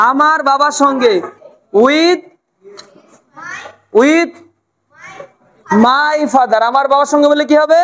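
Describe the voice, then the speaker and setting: A woman teaching English to Bengali speakers with a Bengali accent, asking questions and repeating the answers slowly. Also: sits high. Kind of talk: spoken English lesson with drills.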